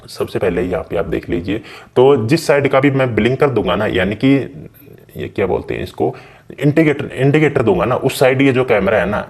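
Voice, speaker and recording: Low-voiced man casually explaining game settings. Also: a little mellow. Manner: chatty, repeatedly addressing viewers as brother. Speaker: gaming channel host.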